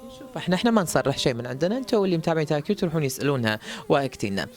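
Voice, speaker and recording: A man's voice: fairly high pitch, lively intonation, rapid-fire. A man hosts a casual behind-the-scenes chat. He talks in a playful, teasing way. Light music plays faintly behind him. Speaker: host.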